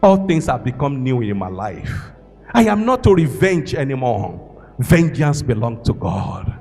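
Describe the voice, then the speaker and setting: A male preacher voicing a calm, forgiving young boxer who speaks softly and patiently. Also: mid-range voice, measured pace, voice pushed down. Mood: earnest. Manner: soft, patient, pleading. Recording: echoey hall with faint music.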